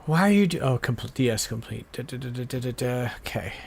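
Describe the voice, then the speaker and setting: A man co-hosts a casual podcast about retro games, chatting playfully and now and then muttering to himself in mock exasperation. His medium-pitched voice is expressive and brisk, with a creaky, breathy edge.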